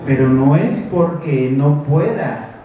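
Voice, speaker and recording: A Mexican man, a teacher, lectures a group of parents and often pauses to check that they follow him. His slightly high voice comes from a distance and echoes heavily around a big room. The recording is dull and lo-fi, with a faint hiss behind it. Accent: Mexican Spanish. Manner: keeps checking in with "¿sí?" and acts out parents and children. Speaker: teacher giving a talk to parents. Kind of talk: talk to a parents' school group.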